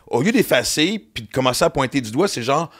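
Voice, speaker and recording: Québécois male host, fast and relaxed, mid-range voice. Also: mid-range voice. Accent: Québécois French. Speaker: podcast host. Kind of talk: casual podcast chat.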